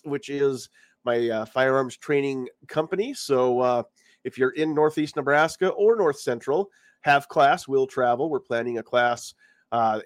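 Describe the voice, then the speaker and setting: With a lozenge in his mouth and congestion from a cold he's recovering from, a man hosts a casual live-stream podcast chat. His voice sits mid-range, with no room sound.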